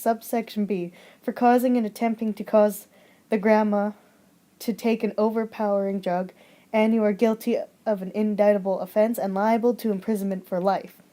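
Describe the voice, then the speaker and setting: A stiff, by-the-book police officer, as a young woman puts him on reads out charges in formal legal wording. The delivery sits low and stilted, reading word by word rather than acting, for a homemade story project. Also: fairly even intonation, normal speed, mellow, lightly acted.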